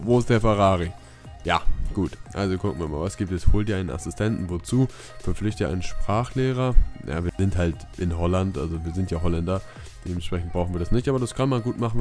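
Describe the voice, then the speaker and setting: A man's voice: sits low, a little mellow. A man casually commenting on a football video game, reading menu options aloud and reacting loosely. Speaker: gaming YouTuber. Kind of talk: casual let's-play commentary.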